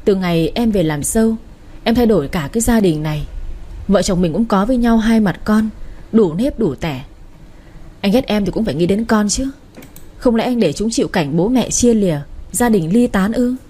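A woman's voice: medium pitch, animated, normal speed, warm tone, slightly rough. A woman voicing a wronged young wife who speaks reproachfully and pleads. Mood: pleading.

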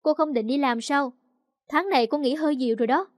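A woman's voice: high-pitched, no echo, studio quality, close to an everyday voice. A woman reading as a curt, bossy manager. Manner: brisk, cold. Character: curt female shop manager, cold and bossy.

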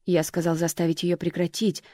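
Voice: medium pitch, little pitch movement, a little fast, a little mellow, no room sound, studio quality, natural voice. Shaken young man in an audiobook thriller, faltering and defensive, voiced by the narrator.

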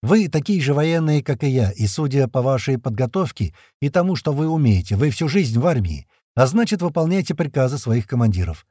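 A man reading the part of a calm, composed colonel from another world, speaking in a measured, persuasive way. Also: mid-range voice, no echo, studio quality. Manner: measured, persuasive, level-headed.

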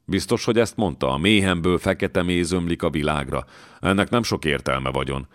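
A man voicing a calm, curious young scholar who questions and explains. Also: deep voice, no room sound, clean studio sound.

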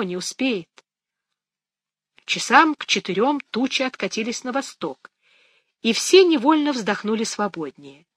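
A narrator reading a novel aloud in a measured, dramatic audiobook style, recorded close to the mic. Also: mid-range voice, fairly bright tone, dry recording.

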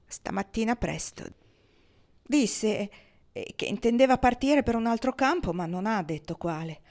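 A woman's voice: on the high side, expressive, measured pace, a little mellow. A woman voicing a big, friendly, bearded male gold prospector in an audiobook, earnest and incredulous. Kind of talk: audiobook reading.

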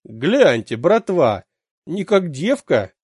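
A man's voice: on the high side, sing-song, slow pace, a little mellow, breathy edge, no room sound, clean studio sound, pitched above the performer's own voice, full character voice. A man voicing a sleazy, lustful male soldier who wheedles greedily and fawns with an undercurrent of menace. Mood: leering.

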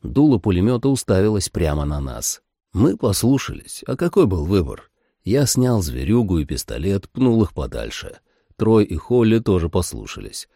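Gravelly deep-voiced male audiobook narrator. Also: dark tone, dry recording, clean studio sound. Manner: dramatic, voices every character. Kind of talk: first-person audiobook narration.

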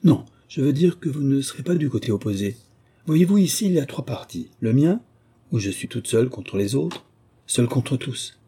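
A man reading an audiobook voices a headstrong, playful young girl, lifting his voice and talking quickly and teasingly. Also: medium pitch, expressive, warm tone, slightly rough, pitched above the performer's own voice.

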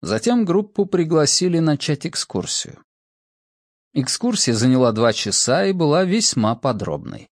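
A man narrating an audiobook in a measured, expressive reading. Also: a little high, no room sound, clean studio sound. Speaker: audiobook reader. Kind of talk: scripted narration.

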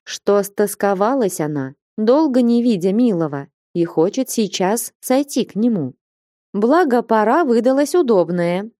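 Audiobook narrator, female, measured storytelling, dark soft tone, dead-dry booth. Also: mid-range voice, no room sound. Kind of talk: scripted narration of classic prose.

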